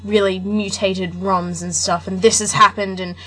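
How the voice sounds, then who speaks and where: A woman's voice: medium pitch, flat delivery, normal speed, pushed and bright, husky, faint music behind, rough recording. An Australian woman co-hosting a casual podcast, chatting in a giggly, rambling way. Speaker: podcast co-host.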